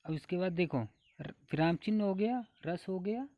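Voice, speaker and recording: A man's voice: high voice, normal speed, dry recording, highs cut off. A man teaching a grammar lesson for exam preparation. He goes through a numbered syllabus, repeating points and asking and answering his own questions.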